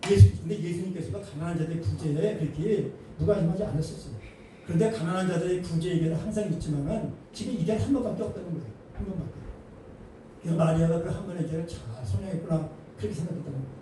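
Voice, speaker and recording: A male pastor preaching an animated, emphatic sermon with colloquial humor in a church. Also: high voice. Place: church sanctuary. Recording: echoey hall, distant mic, faint noise.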